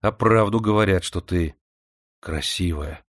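A man voicing a sullen, quiet young boy who answers in a flat, listless way. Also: a little slow. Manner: sullen, low-key.

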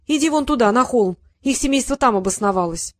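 A woman's voice: on the high side, animated, a little fast, dry recording, studio quality, lightly acted. A woman doing a snooty young dragoness. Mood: indignant. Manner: prim and dismissive.

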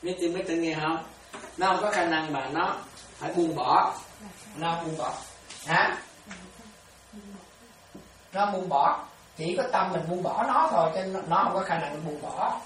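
A woman gives a Buddhist dharma talk in a low voice. She repeats herself and keeps checking whether her listeners are following. She is picked up from a distance in a very echoey room, with faint background ambience. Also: a little slow, long pauses, fairly bright tone, slight background noise. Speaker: Buddhist teacher.

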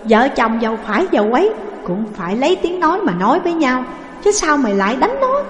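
A woman's voice: high-pitched, big pitch swings, fast, voice pushed up. A hot-tempered old landowner father scolds at full volume, as a woman reader plays him. His voice bounces around an echoey room with a long reverb. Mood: scolding. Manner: loud, scolding.

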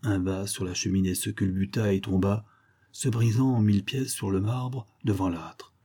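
A man narrates a literary text in measured phrases. His voice is low, dark and mellow, with a husky edge. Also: steady tone. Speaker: audiobook narrator.

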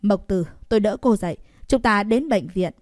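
A woman voicing a nervous young woman who protests loudly. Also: mid-range voice, normal speed, no room sound, studio quality, natural voice. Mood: upset. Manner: nervous, then indignant protest. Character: timid but fiery young woman.

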